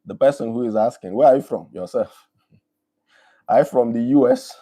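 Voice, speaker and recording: A man from Nigeria with a Nigerian accent, hosting a live stream and reading out viewer questions before answering them in a relaxed, conversational way. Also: mid-range voice, moderate pace.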